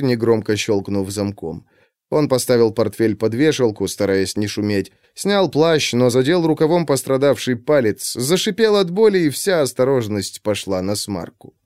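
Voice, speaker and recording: Expressive male audiobook narrator. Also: mid-range voice, dry recording, studio quality. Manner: expressive, measured storytelling.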